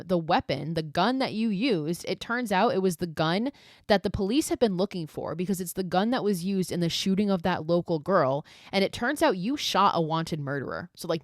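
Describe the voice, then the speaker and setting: A woman hosts a podcast and recaps a horror film in a loose, casual way, blunt, sarcastic and full of swearing. Her voice sits a little low. The sound is dry and close, with no room echo. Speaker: podcast host.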